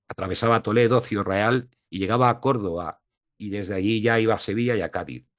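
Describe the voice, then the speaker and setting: A man from La Mancha giving an online lecture, hesitant with many fillers, over a video call. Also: on the low side. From La Mancha, Spain. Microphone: video call mic.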